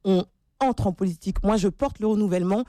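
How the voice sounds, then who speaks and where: Candid woman with a mellow voice. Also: mid-range voice, fast, no echo, clean studio sound. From Senegalese heritage. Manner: earnest, hesitant with fillers. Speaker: political candidate. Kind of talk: radio interview.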